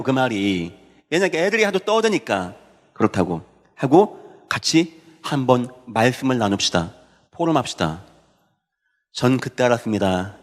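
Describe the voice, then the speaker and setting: A man's voice: medium pitch, big-room sound. A male pastor preaching a Sunday sermon, telling stories and building to fervent proclamation. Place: church sanctuary.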